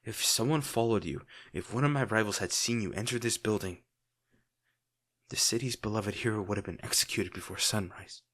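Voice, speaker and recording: With a lowish, somewhat bright voice, a man voices a crime-boss villain for an intimate audio roleplay. He speaks sardonically with dramatic pauses, hiding tenderness and worry.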